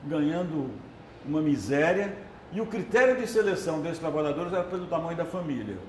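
A man's voice: a little high, animated, brisk, reverberant, slight background noise. A man with a Brazilian accent, a documentary filmmaker giving a casual, conversational video lecture and often checking in with his listeners. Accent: Brazilian Portuguese. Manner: chatty, keeps tagging "né?" and "entendeu?".

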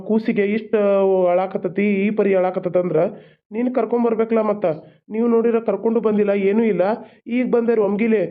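A woman voicing a kindly village doctor who speaks gravely and soothingly, with a North Karnataka Kannada accent, in a cartoon serial. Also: medium pitch. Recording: lo-fi phone-like sound.

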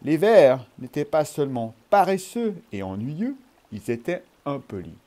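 Dark-voiced man reading a storybook. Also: a little high, very animated, unhurried.

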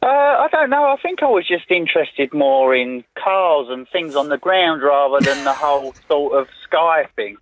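A man's voice: fairly high pitch, animated, normal speed, few pauses, fairly bright tone, no echo. A man in his forties, a taxi driver calling into a radio discussion, hesitant and plain-spoken. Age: 40s. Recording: tinny phone line.

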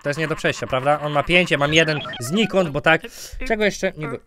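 A man giving jokey let's-play commentary, goofing around with silly name twists and sudden loud outbursts. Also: fairly high pitch, fairly quick, over music. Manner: goofy, jokey, mispronouncing names on purpose, bursts of loud outbursts. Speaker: gaming YouTuber.

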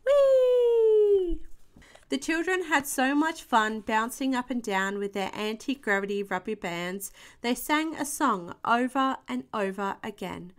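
Animated woman reading a picture book. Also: on the high side, measured pace, few pauses.

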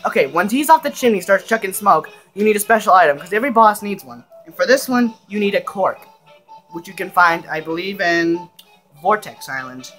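A man's voice: high voice, lively intonation, fairly quick, sharp tone. A young man giving casual, rambling commentary while playing a video game. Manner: rambling, offhand asides. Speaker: gameplay video creator. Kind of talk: casual let's-play commentary. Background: faint game music.

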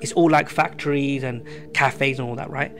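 A man, telling a personal story in casual podcast chat, animated and full of slang. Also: medium pitch, normal speed, over music. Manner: animated, slangy, repeats himself. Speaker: podcast guest. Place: small room with a poster wall. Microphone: studio mic on a stand.

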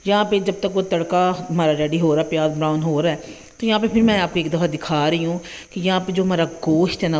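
A young woman with a Punjabi accent hosts a home cooking tutorial for her channel from her kitchen. Her voice is deep with a darkish tone, and she chats along, often checking in with "theek hai ji".

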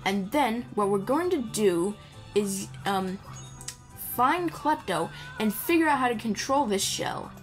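With game music playing behind her, a woman gamer chats playfully to the on-screen characters in rambling, casual commentary. Her voice is a little high and animated, and she takes it slowly.

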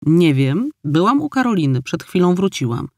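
A man reading an audiobook, voicing a hurt, quick-tempered young woman who speaks in an irritated, demanding way. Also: high-pitched, big pitch swings, darkish tone, no room sound, clean studio sound, pitched above the performer's own voice.

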